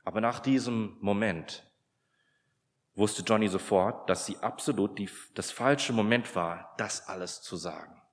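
Man, low voice, sermon, storytelling, hesitant restarts, long hall reverb. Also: measured pace. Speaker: preacher.

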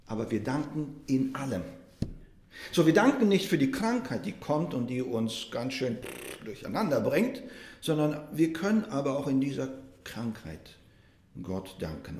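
Lively preaching man, echoey room. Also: mid-range voice. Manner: emphatic preaching, addresses listeners as "Ihr Lieben". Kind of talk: sermon.

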